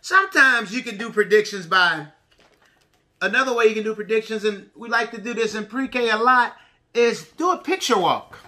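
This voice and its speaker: A woman with a slightly high, sharp voice reads aloud at a normal speed to pre-kindergarten children. She asks them easy questions and gives key words strong, emphatic enunciation.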